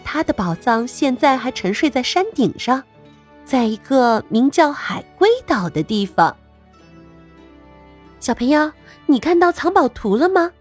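Speaking directly to kids, a female host narrates a scripted story with playful expressiveness. Her pitch is on the high side and slightly rough.

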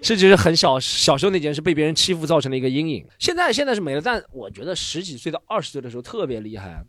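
Animated, quick man on a podcast. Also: a little high. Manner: animated, seeks agreement with "对吧". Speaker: podcast co-host. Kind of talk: casual chat.

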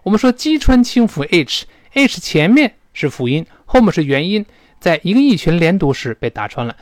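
A Chinese man teaching an English pronunciation lesson in Mandarin, drawing English words out slowly to model them. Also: sits high, very animated, no room sound. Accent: Mandarin-speaking teacher.

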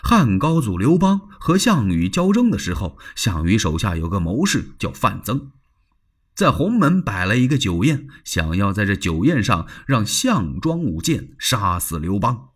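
A man's voice: on the low side, very animated, a little slow, slightly rough, exaggerated voice. A male storyteller voicing a scheming, commanding warlord chancellor, speaking in an expansive, knowing way.

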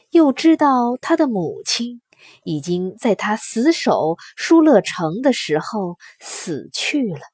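A woman reading a historical story aloud with expressive narration. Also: mid-range voice, slightly rough, no echo, studio quality.

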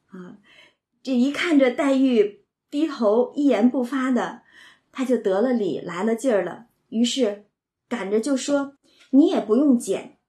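A woman's voice: fairly high pitch, warm tone, reverberant. A woman explaining and retelling a classic novel in a conversational way, often slipping into the characters' lines and using many filler words. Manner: retells scenes, slips into quoted dialogue, frequent filler words. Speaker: literature commentator.

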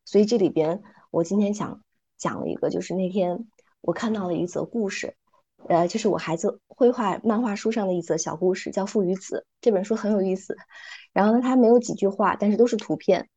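A middle-aged woman speaking calmly and thoughtfully as a podcast guest, retelling little stories as she reflects. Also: mid-range voice, fairly quick, slightly rough, dull audio. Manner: calm, thoughtful, retells stories with light acting. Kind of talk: reflective casual chat with storytelling.

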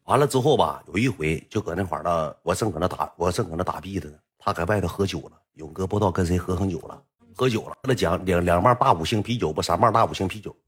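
Fast, husky storyteller. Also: male voice, low-pitched. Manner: animated, colloquial, rambling. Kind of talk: comic personal storytelling.

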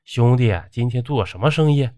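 A man's voice: mid-range voice, moderate pace, dark tone, no room sound, studio quality, close to an everyday voice. A man playing a stern, upright old village doctor who talks firmly and bluntly. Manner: firm, blunt.

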